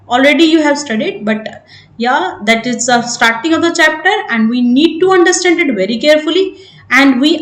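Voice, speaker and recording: A woman's voice: high-pitched, fairly bright tone, reverberant. A woman with an Indian accent teaching maths step by step, switching between English and Hindi and often checking in with "right?". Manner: explains step by step, checks in with 'right?'. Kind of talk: classroom lesson mixing English and Hindi.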